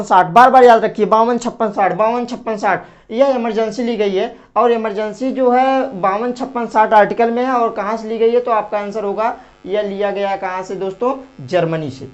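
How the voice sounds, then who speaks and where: A woman's voice: on the high side, a little mellow. A woman teaching an exam-prep lesson online. She repeats key points over and over and keeps calling her viewers friends as she walks through quiz questions. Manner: repetitive, drills points, often addresses viewers as friends. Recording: dull lo-fi recording.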